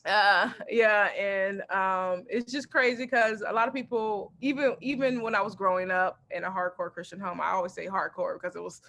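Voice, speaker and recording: In a casual interview chat, a Texas-born woman stand-up comedian tells animated stories about her family, acting out quotes and laughing often. Her voice sits in the mid-range, and she talks at a normal speed.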